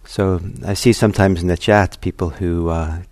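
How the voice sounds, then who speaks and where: A man giving a gentle, unhurried meditation talk before guiding a sit, with many soft pauses and fillers. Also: deep voice, fairly even intonation, dry recording, clean studio sound. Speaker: meditation teacher. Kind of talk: dharma talk leading into guided meditation. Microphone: computer livestream setup.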